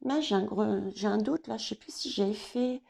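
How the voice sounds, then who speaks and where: A woman giving an oracle card reading, talking straight to the viewer and pausing often on fillers. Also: fairly high pitch, creaky, darkish tone. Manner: hesitant, many fillers and restarts, addresses viewers directly. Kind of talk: casual spoken card reading.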